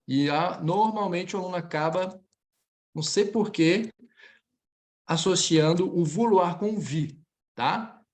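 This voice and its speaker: During an online French lesson, a man with a high-sitting voice and a Brazilian Portuguese accent draws each model phrase out slowly. He then explains it quickly before moving to the next one.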